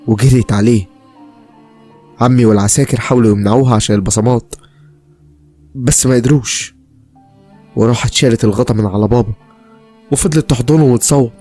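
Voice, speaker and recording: A man's voice: mid-range voice, warm tone. A man with an Egyptian accent narrating a dramatic first-person crime story.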